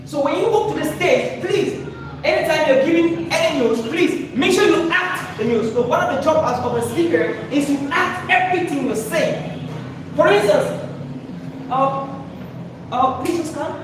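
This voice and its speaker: A man's voice: very high voice, expressive, moderate pace. A man coaching public speaking in a live workshop, demonstrating points and quizzing the audience. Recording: echoey room, far from mic, noisy.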